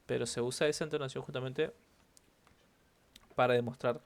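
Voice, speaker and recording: Rioplatense teacher explaining intonation. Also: male voice, mid-range voice, fairly even intonation, a little slow. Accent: Rioplatense Spanish. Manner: explanatory, repeats example phrases with stress. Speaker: English teacher. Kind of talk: online class explaining intonation.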